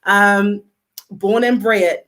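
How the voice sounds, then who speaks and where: A woman from Bermuda with a Bermudian accent, a fashion designer chatting as a guest on a talk show in an upbeat, energetic way. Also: mid-range voice, extremely slow. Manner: upbeat and energetic, enthusiastic shout-outs. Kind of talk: casual talk show chat.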